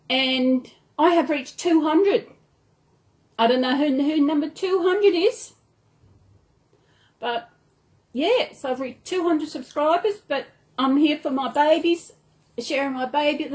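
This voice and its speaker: Her voice sits high with a darkish tone. She's an Australian doll collector vlogging casually from home for her storytime channel, rambling fondly to her viewers and addressing her dolls and toys as if they were alive.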